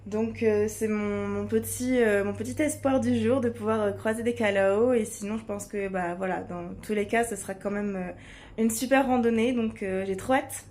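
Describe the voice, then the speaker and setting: A woman's voice: mid-range voice, fairly even intonation, moderate pace, darkish tone. A woman chatting casually as a travel vlogger, hesitant and searching for her words. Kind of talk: casual chat to camera. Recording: clear background ambient noise.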